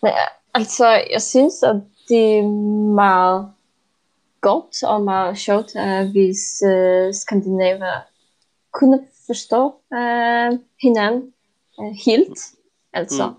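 A woman from Poland, a podcast guest, talking casually in a second language with many pauses, fillers and restarts, and often laughing. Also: mid-range voice, darkish tone.

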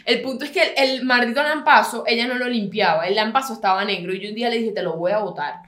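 A woman with a Venezuelan accent co-hosting a podcast, chatting casually in an animated way, swearing freely and laughing as she tells stories. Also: on the high side, fast talker, echoey room. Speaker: podcast co-host. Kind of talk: casual chat.

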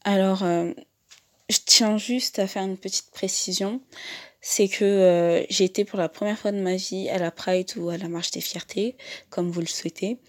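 Casting: a woman podcast host, casual spoken intro, hesitant delivery, mid pitch. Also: fairly even intonation, moderate pace, a little mellow. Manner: hesitant, many fillers and restarts.

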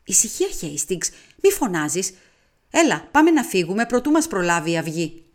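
A vain, meticulous middle-aged Belgian sleuth, voiced by a woman reader in an audiobook. He speaks with calm self-assurance and a fastidious precision, slipping in the odd French word. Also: mid-range voice, close to an everyday voice. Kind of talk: audiobook character reading.

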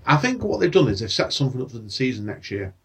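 A man runs a casual podcast chat, asking his guests questions and sometimes tripping over names. His voice is rough and husky, and his pitch swings around a lot. He sounds set back from the microphone. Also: very animated, quick pace, fairly bright tone, far from the mic. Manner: chatty, loses his words, asks questions. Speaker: podcast host.

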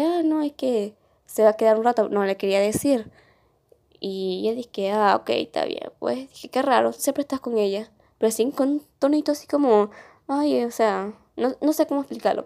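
A woman's voice: on the high side, gravelly, mellow. A young woman telling a school story in a casual, rambling podcast chat. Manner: rambling, many restarts and fillers.

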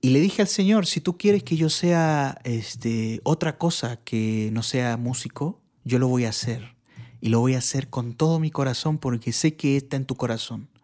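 A man from Chile, a church bass player, telling his testimony in a relaxed chat and acting out the people he quotes. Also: normal speed. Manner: animated, acts out the people he quotes. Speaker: guest sharing his testimony. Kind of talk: casual storytelling.

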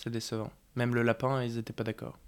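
Young man, podcast co-host, teasing and quick to laugh. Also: medium pitch, level tone, clear, resonant tone. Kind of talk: casual podcast chat.

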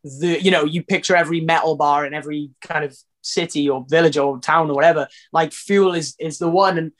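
A man's voice: on the high side, steady tone, fairly quick. A Welsh man from Wales, a singer talking casually in an interview, rambling with lots of fillers and restarts.

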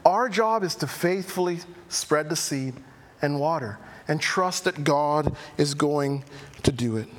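A pastor with a fairly high voice preaches unhurriedly in a church whose long hall reverberates. He reads scripture aloud, then explains it animatedly, rising to emphatic highs and dropping in playful, lightly joking asides.

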